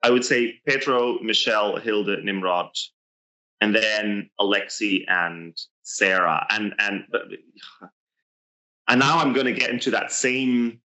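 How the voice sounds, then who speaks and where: A podcast co-host chats casually about a reality show in a lowish, bright, forceful voice, speaking slowly over poor audio. He sounds hesitant and often restarts his sentences.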